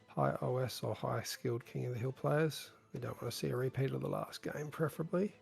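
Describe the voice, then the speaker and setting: A man with a froggy, croaky voice co-hosts a game stream in casual chat. His husky tone is full of gravel, and faint music plays behind him. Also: medium pitch, a little fast, a little mellow. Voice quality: croaky, raspy. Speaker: stream co-host, lobby organizer.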